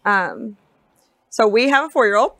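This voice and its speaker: A woman in her thirties, a real estate agent and mother chatting on a podcast in a talkative, animated way. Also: on the high side, moderate pace, no echo. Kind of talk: casual podcast conversation.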